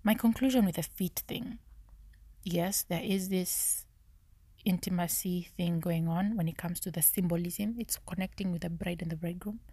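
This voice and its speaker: A woman hosting a podcast, thinking aloud through a Bible study in a low, half-whispered way, often stopping to correct herself. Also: moderate pace, dark tone, slightly rough, no room sound. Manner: searching, self-correcting musing. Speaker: podcast host.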